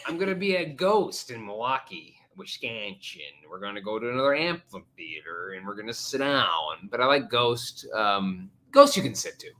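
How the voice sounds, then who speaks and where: Young woman hosting a live stream, lively up and down voice, crude jokey teasing. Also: rumbling low, moderate pace, hardly any pauses. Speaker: host. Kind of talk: casual live stream chat.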